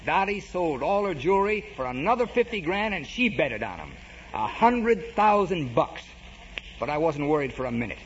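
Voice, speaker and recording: A wry boastful fight manager. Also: male voice, fairly high pitch, very animated, normal speed. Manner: wry storytelling, comic timing. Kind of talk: 1940s radio comedy sketch. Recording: lo-fi old radio broadcast with hiss.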